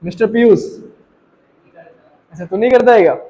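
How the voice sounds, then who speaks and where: A man's voice: high-pitched, normal speed, warm tone, low-quality recording. A man teaching a maths class to students, talking to them directly, checking that they understand and mixing English maths terms into his Hindi. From India. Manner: talks to students directly, asking checking questions.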